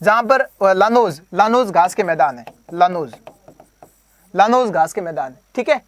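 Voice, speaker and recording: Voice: medium pitch, lively intonation, unhurried. A coaching teacher giving an exam preparation lecture, drilling terms by repetition, quizzing listeners and using playful memory tricks.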